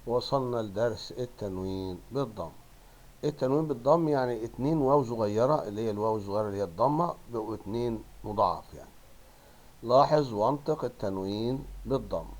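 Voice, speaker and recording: A male teacher with an Egyptian accent giving a primary school Arabic lesson, drawing out words slowly and praising pupils. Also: mid-range voice, lively intonation, darkish tone. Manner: coaxing, drawn-out word modeling with praise.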